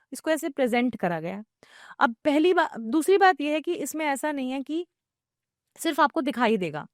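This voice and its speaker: A woman's voice: high-pitched, no echo, clean studio sound. Fluent woman explaining at length. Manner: explains at length, mixing English phrases into Hindi. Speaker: Akashic record reader, podcast guest. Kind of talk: explanatory podcast talk.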